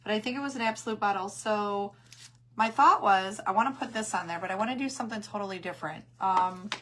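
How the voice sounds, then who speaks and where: A woman with a hoarse, failing voice that cuts in and out, chatting casually as she hosts a craft livestream and greets her viewers. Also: medium pitch, fast talker, a bit bright, slight background noise. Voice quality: hoarse, voice cutting in and out. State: losing her voice after coughing.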